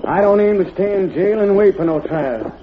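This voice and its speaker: A man's voice: high voice, normal speed, natural voice. A man playing a defiant, wronged, hot-tempered cowboy in an old radio western, with a belligerent rustic American Western drawl. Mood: sullen. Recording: dull old radio recording with crowd noise.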